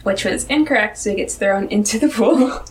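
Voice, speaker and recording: A woman's voice: medium pitch, normal speed. A young woman hosting a podcast, chatting and recapping with friends in a giggly, talkative way. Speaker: podcast host. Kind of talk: casual chat. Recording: distant mic.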